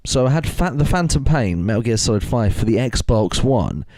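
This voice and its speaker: Young podcast co-host, relaxed and laughing, lively delivery. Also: male voice, mid-range voice, moderate pace, no room sound. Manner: laid-back, laughing, swearing freely. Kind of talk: casual chat.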